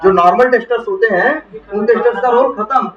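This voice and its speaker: A man teaching software testing in to a class, asking questions and answering them himself. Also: high voice, a little fast. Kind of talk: classroom lecture. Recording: roomy, distant, muffled classroom recording.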